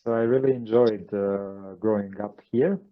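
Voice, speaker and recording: A Croatian man with a fairly low voice tells his story in a halting way, full of "uh" and restarts. The sound is dull and lo-fi, as over a video call. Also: steady tone. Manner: hesitant, many fillers and restarts. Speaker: guest channeler. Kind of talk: interview answers.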